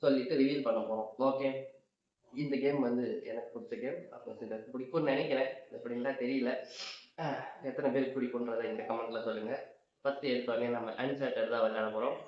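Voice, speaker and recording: A man's voice: mid-range voice, fairly even intonation, brisk. A man vlogger talking casually and a bit ramblingly to his viewers, asking them to comment. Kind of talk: casual vlog chat to viewers. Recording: roomy, slightly dull sound.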